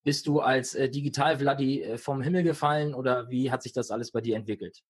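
Podcast host, man, husky and dry-sounding, relaxed questioning. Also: mid-range voice, fast talker, no room sound. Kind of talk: casual interview hosting.

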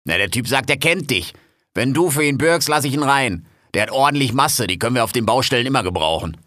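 A man's voice: medium pitch, lively intonation, fairly quick, sharp tone, no echo, clean studio sound. A man doing a blunt, busy foreman. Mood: brusque. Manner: brusque, casual colloquial orders.

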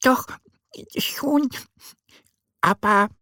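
A man voicing a small, shy female duckling in a children's audio story, high and breathy, hesitating over her words. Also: drawn-out words, pushed and bright, no room sound, studio quality, full character voice.

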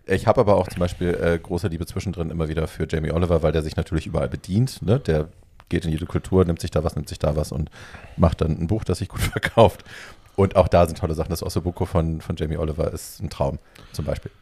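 A man co-hosting a podcast who talks eagerly and at length about food, often adding quick tag questions. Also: rumbling low, fairly even intonation, dark tone, husky, no echo. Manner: enthusiastic, digressive, tag questions. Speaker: podcast co-host, food expert. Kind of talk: casual chat.

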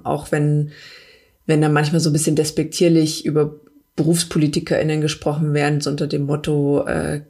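A woman talking earnestly on a podcast about her work in politics, pausing often with fillers and restarting her sentences. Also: low-pitched, darkish tone. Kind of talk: casual podcast chat.

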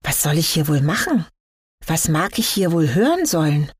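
Brief: woman reading an eager young fir tree for a storybook, low husky voice, dry close sound. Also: sing-song, normal speed, no room sound, full character voice. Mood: puzzled. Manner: wondering, questioning tone.

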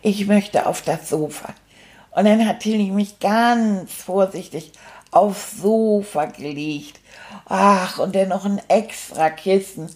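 A woman's voice: mid-range voice, takes it slowly, darkish tone, lightly acted. A woman voicing a cheerful, cheeky male stuffed toy rat, retelling events in a chatty, rambling, fond way. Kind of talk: first-person storytelling.

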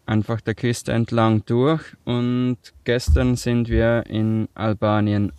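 A man with a Swiss German accent, co-hosting a casual chat over a remote call, relaxed and laughing easily. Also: medium pitch, slow, smooth, no echo. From Switzerland. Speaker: podcast co-host. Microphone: remote call with weak connection.

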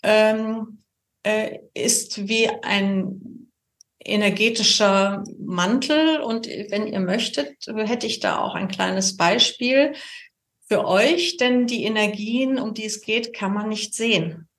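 A woman's voice: medium pitch, slow pace. A woman from Cologne with a Cologne accent, a cheerful guest explaining things in a podcast interview with many fillers. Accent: Cologne German. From Cologne, Germany. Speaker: geomancy guest. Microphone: camera set-up.

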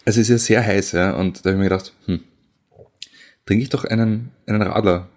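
A man, a car journalist chatting as co-host, relaxed and a bit hesitant. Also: fairly low pitch, a little fast. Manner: relaxed, tired, hesitant with fillers. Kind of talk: casual chat.

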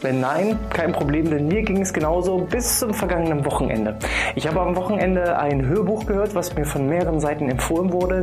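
A man hosting a podcast and speaking casually in a monologue, enthusiastic and encouraging, with frequent ums and restarts. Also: a little high. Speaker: podcast host.

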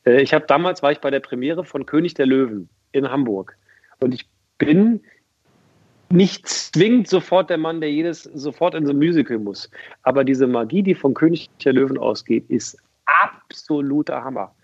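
A talkative man in his thirties speaks as a podcast guest, his voice somewhat husky and a touch higher than most men's. He chats loosely, restarting sentences and piling on fillers. The sound is dry and a little dull, like modest podcast audio. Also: moderate pace, dry recording. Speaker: guest, event presenter. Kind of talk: casual podcast conversation.

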